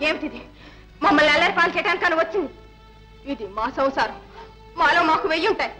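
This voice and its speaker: Casting: a high-voiced, quick-talking pleading wife. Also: female voice, lively intonation, music in the background. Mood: distressed. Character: pleading young wife, distressed daughter. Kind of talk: old film drama acting.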